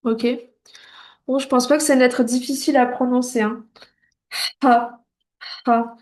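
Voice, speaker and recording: A woman with a high, steady, darkish voice teaches Arabic reading to beginners. Her manner is patient and reassuring: she repeats syllables slowly and clearly, one at a time, and checks in with learners often.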